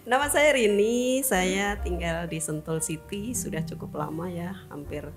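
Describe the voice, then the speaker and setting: A middle-aged woman, a property marketing guest, talking in a relaxed, friendly way with fillers and pauses. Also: lowish voice, over music. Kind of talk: casual interview.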